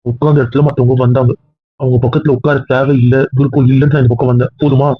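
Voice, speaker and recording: Guy doing a bossy young man telling everyone off, talks super fast, husky, tinny phone sound. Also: mid-range voice, level tone, no echo, natural voice. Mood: stern lecturing. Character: stern, lecturing young man, protective of brother. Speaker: actor in a family comedy-drama skit. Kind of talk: casual web-series acting.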